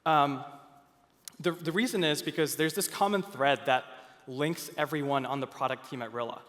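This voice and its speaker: A young product speaker from Finland gives a sincere presentation on a conference stage, stumbling through frequent fillers and restarts. His voice leans high and fairly bright, he talks at a normal speed, and the big hall adds a long reverb.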